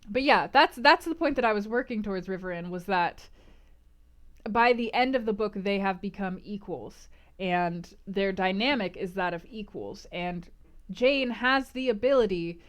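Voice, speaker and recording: A woman hosts a casual book club livestream, discussing books and answering chat in an animated, emphatic, conversational manner. Her voice is mid-range, at normal speed.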